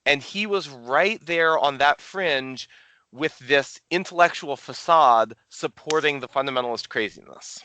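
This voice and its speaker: A man's voice: on the high side, a little slow, sharp tone, dry recording. A man hosting a podcast, explaining background in a casual, lecturing way. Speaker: podcast host.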